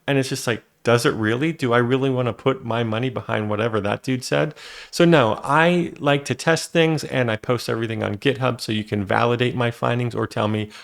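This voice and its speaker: A man talks through a trading tutorial in an easy, conversational way. His voice sits at an ordinary middle pitch, and he keeps tossing in quick "right?" check-ins as he walks through the numbers. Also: fairly even intonation, creaky. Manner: conversational, frequent "right?" asides. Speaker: algorithmic trader and channel host. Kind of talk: casual explanatory trading tutorial.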